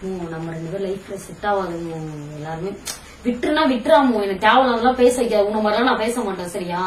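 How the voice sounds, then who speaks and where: A woman's voice: medium pitch, expressive, fast, roomy sound, recorded from a distance, a little hiss or hum, low-quality recording. A young woman in a casual prank vlog, talking bluntly and scolding, then teasing. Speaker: prankster vlogger.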